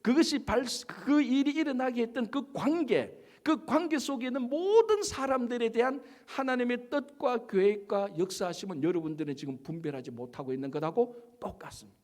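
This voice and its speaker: A male pastor preaching a sermon, with emphatic delivery, rhetorical questions and slowed stress on key words. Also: very high voice, animated, a little mellow. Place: church sanctuary.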